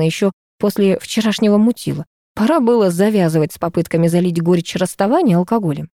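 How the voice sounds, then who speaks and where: A woman reads a first-person novel aloud, and her telling is lively and wry. Her tone is mellow and warm, at a middle pitch, and the recording is dry and close. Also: no echo. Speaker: audiobook narrator. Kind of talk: first-person audiobook narration.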